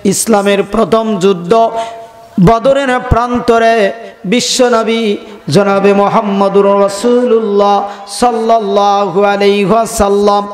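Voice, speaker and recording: A man's voice: sits high, fairly even intonation, a little slow. A man preaching a waz sermon, chanting in sing-song swells and calling his crowd to answer back. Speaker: Islamic preacher. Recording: echoey hall reverb, faint music.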